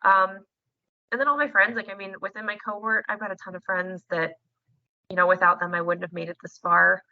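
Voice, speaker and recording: A woman's voice: medium pitch, fairly even intonation, fairly quick, gravelly, no room sound, narrow, tinny audio. A young woman, a nursing student, chatting emotionally in an interview, with lots of fillers and laughter. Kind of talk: casual interview chat.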